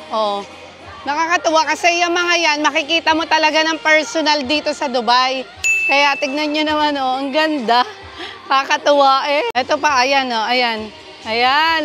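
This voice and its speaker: A woman narrating a casual travel vlog while walking through an indoor theme park, exclaiming excitedly to her viewers as she films on a handheld phone. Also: high-pitched. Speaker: vlogger.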